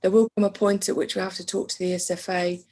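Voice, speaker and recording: A woman with an English accent who is losing her voice, presenting school funding figures to a council meeting over a video call in a measured way with frequent ums. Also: mid-range voice, little pitch movement, mellow. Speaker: council finance officer.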